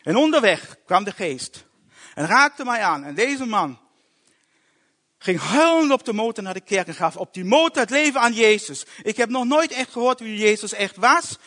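A man giving an emotional personal conversion testimony in a halting storytelling way, often restarting his words. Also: high-pitched, expressive, pushed and bright. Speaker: testimony speaker.

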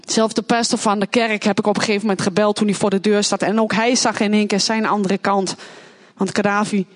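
In a medium-pitched, level voice that moves fairly quickly, a woman recounts her testimony in a church with plain, heartfelt earnestness. She acts out the voices of people she quotes.

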